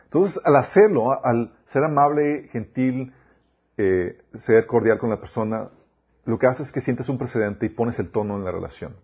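A man's voice: medium pitch, moderate pace, slightly rough, lo-fi sound. A man preaching a sermon, quoting scripture and asking his listeners rhetorical questions.

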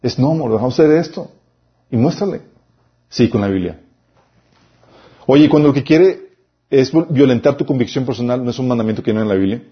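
A man's voice: medium pitch, fairly quick, long pauses, dull audio. A man preaching a sermon-style Bible lesson, emphatic, listing points and reading scripture aloud.

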